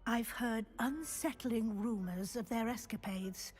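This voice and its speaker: A woman acting as a proper school professor in a video game, courteous yet firm and wary. The voice is fairly high, with faint music behind. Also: a little slow, darkish tone, natural voice. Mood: wary concern. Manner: formal, polite but firm. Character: proper, concerned female deputy professor, politely sceptical.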